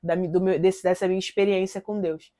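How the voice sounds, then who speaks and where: A woman's voice: fairly low pitch, fairly even intonation, fairly quick, mellow. A Brazilian woman in her thirties tells a personal faith testimony in an earnest, conversational way, often adding little tag questions. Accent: Brazilian Portuguese. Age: 30s.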